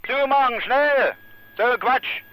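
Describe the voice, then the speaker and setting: A man's voice: very high voice, slow, background noise. A man making terse, urgent calls over a police radio, clipped and commanding. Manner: urgent, clipped, barking orders. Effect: police radio transmission.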